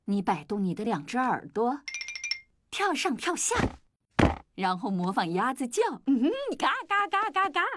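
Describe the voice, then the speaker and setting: A woman's voice: mid-range voice, a little slow, long pauses. Swooping, teasing cartoon mother pig. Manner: playful, expressive mock drama. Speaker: cartoon character. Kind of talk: children's cartoon dubbing.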